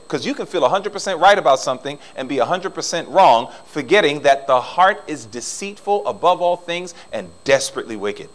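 A middle-aged man preaching a sermon in a church, swinging between loud emphasis and soft asides. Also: on the high side, rough recording. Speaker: pastor. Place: church sanctuary.

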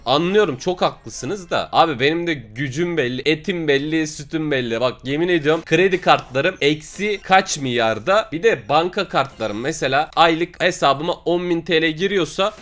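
Animated, excitable man commenting on gameplay. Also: on the high side. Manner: excitable, chatty, quick to vent frustration. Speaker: gaming channel host.

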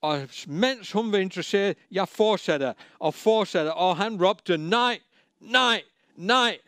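High-voiced preacher man, emphatic. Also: no room sound, studio quality. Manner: emphatic, repeats key phrases, plain and direct. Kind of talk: sermon.

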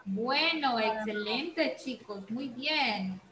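A woman teaching an online class over a video call, patient and encouraging, repeating words slowly. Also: on the high side, animated, bright, forceful tone. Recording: roomy video call with background hiss.

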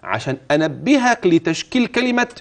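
A man with an Egyptian Arabic accent teaching Quran recitation in a TV lesson. He draws out verses slowly and melodically, then explains them in quick, chatty colloquial speech, asking and answering his own questions as if coaching a student. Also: high voice, sing-song. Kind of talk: tajweed lesson for a religious TV channel.

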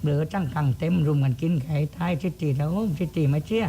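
A man's voice: fairly high pitch, fast, mellow, a little hiss or hum, natural voice. A man voicing a coarse rustic clown in a shadow-puppet comedy, bantering in silly slapstick fashion with a southern Thai accent. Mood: bickering, silly. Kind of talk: comic shadow-puppet dialogue.

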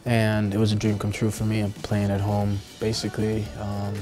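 Soft-spoken man, flat low voice. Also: moderate pace, over music. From Costa Rica. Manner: hesitant, many fillers and restarts. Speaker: professional soccer player. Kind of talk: sit-down interview answers. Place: indoor studio backdrop.

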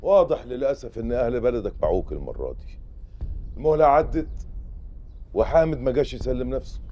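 Man doing a smug cruel general, dark voice, swings up and down, music behind. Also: medium pitch, very animated, fast talker, close to an everyday voice. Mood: mocking. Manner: mocking, imperious. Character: arrogant French general, cruel and mocking. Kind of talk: Egyptian TV drama acting.

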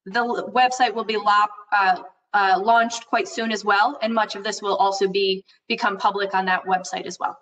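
A woman's voice: medium pitch, fairly even intonation, normal speed, fairly bright tone, distant mic, low-quality recording. A woman, a city official, reassuring board members with many fillers at a video call meeting. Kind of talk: answering questions at a public meeting.

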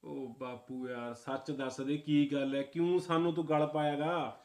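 A man's voice: on the high side, flat delivery, unhurried, darkish tone. A man playing a grumbling, defensive son who gives in when his sister scolds him. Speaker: son, head of the household.

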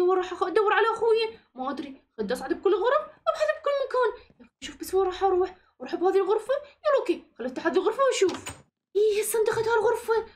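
A woman with an Iraqi Arabic accent narrating and acting out a Minecraft role-play, with excitable, frightened exclamations. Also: very high voice. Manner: excitable, breathless exclamations of fear. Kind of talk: acted game role-play voiceover.

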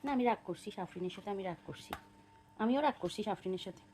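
A woman's voice: mid-range voice, fast, slight background noise. Young mother coaxing a toddler in sing-song. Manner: sing-song, gently scolding baby talk.

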